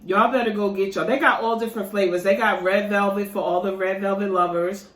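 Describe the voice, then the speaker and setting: A woman's voice: medium pitch, fairly even intonation, brisk, fairly bright tone. A woman vlogger, chatting casually and animatedly to her viewers while eating dessert at home. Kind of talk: casual mukbang chat to viewers. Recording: echoey room.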